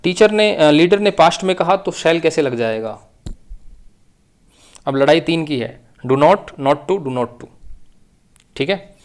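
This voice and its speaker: A man's voice: on the high side, slow, long pauses. A man teaching an exam-prep English grammar lesson, explaining step by step and repeating key phrases.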